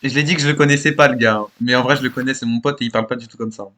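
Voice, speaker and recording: A young man in an online roleplay game's voice chat talks casually, brash and full of slang and swearing. His mid-range voice is bright and forceful, rapid-fire with fairly even intonation, captured on an online voice chat microphone.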